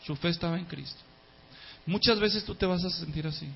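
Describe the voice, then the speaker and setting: High-voiced man preaching a sermon. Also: brisk, vocal fry, breathy edge. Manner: emphatic, repeats key words in lists, swings from loud to soft. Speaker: pastor. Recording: dull lo-fi sound.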